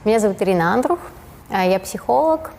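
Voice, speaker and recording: A woman psychologist speaking in a documentary interview, calm and matter-of-fact, with hesitant fillers. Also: mid-range voice, fast, gravelly, background noise. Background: music.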